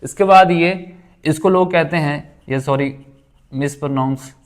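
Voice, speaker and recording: A male teacher with or as his walks students through English words. He talks slowly in a slightly high voice and repeats each word several times. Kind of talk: pronunciation lesson.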